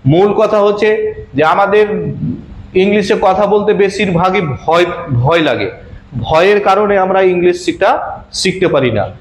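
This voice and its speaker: High-voiced man teaching slowly in an echoey room. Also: slight background noise. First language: Bengali. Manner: says English sentences slowly and then translates them. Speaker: English teacher. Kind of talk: slow spoken English lesson in Bengali.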